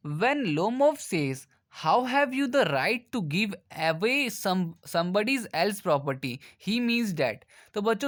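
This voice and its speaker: A man teaching a class lesson, reading English lines slowly and then explaining them in casual Hindi. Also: high voice, fairly bright tone.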